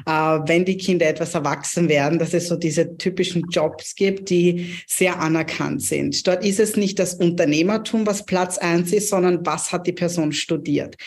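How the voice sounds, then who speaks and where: A woman's voice: lowish voice, moderate pace, few pauses, a little mellow. A woman in her thirties, originally from Pakistan, telling her career story as a podcast guest in an earnest, reflective way with frequent hesitations. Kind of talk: interview storytelling.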